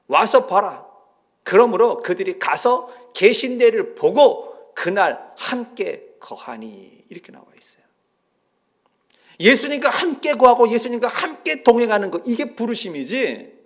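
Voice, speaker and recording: A man preaching a sermon as pastor, telling stories and acting out the voices of the people in them. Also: high-pitched. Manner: animated storytelling, acting out quoted voices. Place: church sanctuary.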